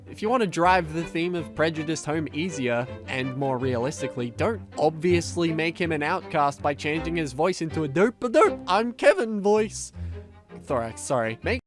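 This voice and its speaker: A man giving a comedic review rant with sarcastic, drawn-out emphasis. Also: a little high, animated, over music.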